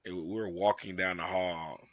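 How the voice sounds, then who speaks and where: A man co-hosting a podcast in casual sports chat, telling a story in a drawn-out way. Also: deep voice, steady tone. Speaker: podcast co-host.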